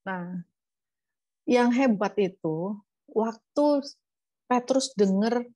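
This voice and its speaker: A woman pastor from Indonesia giving a casual, chatty sermon, lively and acting out the story's lines. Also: medium pitch, drawn-out words, dry recording. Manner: chatty, lively, acts out quotes. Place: church.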